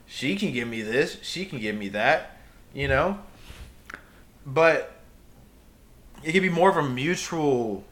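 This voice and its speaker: A man in casual podcast chat, rambling and animated, swearing freely as he riffs on life and relationships. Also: mid-range voice.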